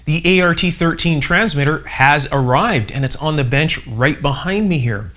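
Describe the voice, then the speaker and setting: A middle-aged man hosts an electronics restoration channel, explaining things enthusiastically and conversationally in an informal video from his indoor workshop. His voice sits a little high, with an expressive, fairly bright tone and a moderate pace.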